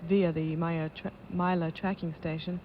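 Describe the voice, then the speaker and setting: A woman giving live launch control commentary as an official announcer, in a measured, matter-of-fact way. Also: lowish voice, little pitch movement. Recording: dull lo-fi broadcast audio with noise.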